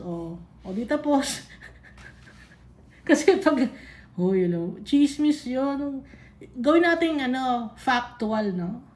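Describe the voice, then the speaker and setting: A woman's voice: medium pitch, a little mellow. A woman teaching a casual Bible study in mixed Tagalog and English, chatty and scolding, laughing often. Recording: echoey room.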